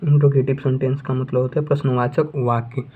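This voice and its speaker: A man's voice: medium pitch, little pitch movement. A man whose first language is Hindi, teaching beginner English grammar and repeating points, asking questions and then answering them himself. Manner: repetitive, asks and answers his own questions; slows down to dictate English sentences. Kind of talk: classroom-style lesson for beginners. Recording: tinny phone-like audio.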